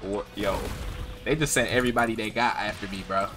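A man's voice: lowish voice, a little fast. A man gaming with friends, chatting in casual slang and exclaiming with swearing. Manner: exclaiming, profane, animated. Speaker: gamer in team match. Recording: loud game music over voice. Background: loud game music and effects.

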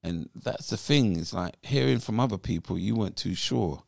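A man, a podcast guest telling his story in a lively, animated way. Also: lowish voice, normal speed, vocal fry, no echo, clean studio sound. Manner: animated storyteller who acts out voices. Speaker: podcast guest, former footballer. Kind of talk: casual interview storytelling.

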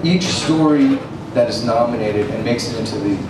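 A man's voice: mid-range voice, moderate pace. A middle-aged man answering audience questions at a film screening, breezy and slangy, speaking into a handheld mic. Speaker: film panelist. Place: small cafe gallery with audience. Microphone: handheld mic, far camera. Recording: echoey room from far off, noisy.

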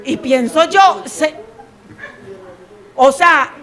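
Animated Colombian woman doing stand-up. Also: high voice, drawn-out words. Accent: Colombian Spanish. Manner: animated, acts out quoted voices, laughs while telling. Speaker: stand-up comedian. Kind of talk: stand-up storytelling.

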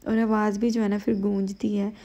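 A tired woman from Pakistan with a Pakistani Urdu accent, talking slowly and quietly through her cooking vlog voice-over at home late at night. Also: mid-range voice, little pitch movement, dull audio. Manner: slow, quiet, unhurried talk, full of "you know" fillers. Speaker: vlogger.

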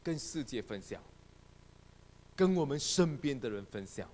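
A man's voice: medium pitch, animated, a little slow, darkish tone. A male pastor preaching a sermon with emphatic, exclamatory delivery.

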